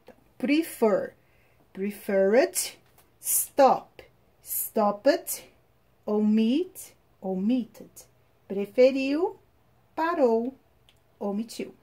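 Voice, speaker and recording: A woman teacher with a Brazilian Portuguese accent giving a recorded online class, spelling out grammar rules slowly and step by step. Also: a little high, lively intonation, warm tone. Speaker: English teacher.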